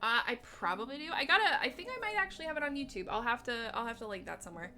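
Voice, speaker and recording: A woman's voice: a little high, sing-song, sharp tone. A woman hosting her stream as game master, chatting in a bubbly, enthusiastic way. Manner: bubbly and enthusiastic, quick to laugh. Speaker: game master and channel host. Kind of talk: casual chat introducing a stream.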